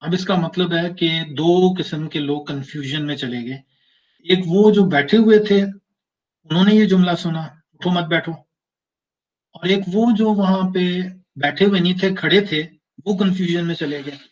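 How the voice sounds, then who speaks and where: Man, lecturer, slightly high voice, patient explaining, distant muffled mic. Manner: explains slowly, repeats phrases to show ambiguity. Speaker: university lecturer. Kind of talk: recorded online lecture.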